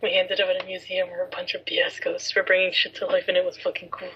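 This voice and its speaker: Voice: mid-range voice, monotone, fast, pushed and bright, husky. A game master running a tabletop role-playing game, giving dry, sardonic rulings in casual chat. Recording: dull, lo-fi home recording.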